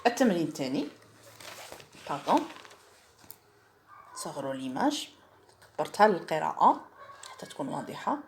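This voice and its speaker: Lively Algerian woman teaching French. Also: low-pitched, a little hiss or hum. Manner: switches between French and Arabic dialect, spells out words slowly; speaks slowly and clearly when reading aloud, quick when explaining. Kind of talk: online lesson for young pupils.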